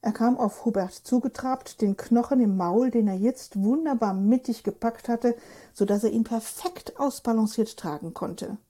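A woman narrating a story aloud in a lively, expressive reading. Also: a little high, normal speed. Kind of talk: audiobook narration.

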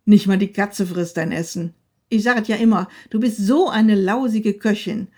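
A woman voicing a coarse, loud husband in a read-aloud story, talking in a shouting, scornful way. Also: mid-range voice, expressive, quick pace, lightly acted.

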